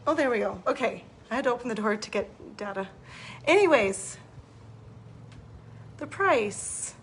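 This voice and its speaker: An enthusiastic woman with a fairly high voice hosts a live home tour and keeps talking straight to her viewers. She walks through the rooms and outside with her phone, and her voice is getting a little hoarse. Faint noise sits behind her. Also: lively intonation, unhurried. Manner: bubbly, enthusiastic, addresses viewers directly. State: losing her voice. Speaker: real estate agent. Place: indoors and outdoors at a house. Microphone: phone held while walking.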